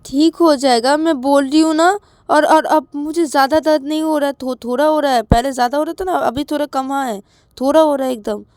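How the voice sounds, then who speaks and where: A woman's voice: high-pitched, a little fast, a little mellow, no room sound, studio quality, pitched above the performer's own voice, close to an everyday voice. A woman doing a soothing young woman. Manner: coaxing, reassuring, repeats herself.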